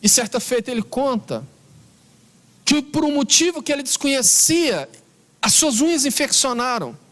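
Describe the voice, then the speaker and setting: High-voiced Brazilian man giving a lecture. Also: big pitch swings, a bit bright. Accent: Brazilian Portuguese. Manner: earnest, emphatic, slowing down on key words. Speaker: spiritist lecturer. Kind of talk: storytelling lecture.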